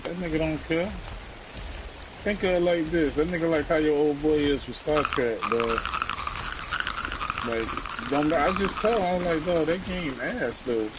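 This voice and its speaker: A man's voice: on the high side, moderate pace, pauses often. A young man casually chatting with a friend while playing a game, slangy and profane, rambling and laughing often. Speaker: gamer. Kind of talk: casual gameplay chat with a friend. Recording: steady rain-like background hiss.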